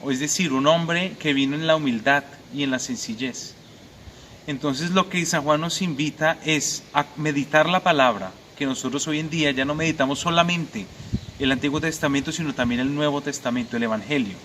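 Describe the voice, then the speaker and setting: A young adult Franciscan friar from Bogotá, with a fairly high male voice and a Bogotá Colombian accent, delivers a calm, reflective pastoral message. He preaches outdoors at a convent beside a church, often pausing with "eh," and the outdoor background noise comes through clearly.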